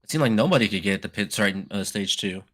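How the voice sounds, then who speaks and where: A man in casual live chat while watching a race, relaxed and rambling with loose fillers. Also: lowish voice, fast talker.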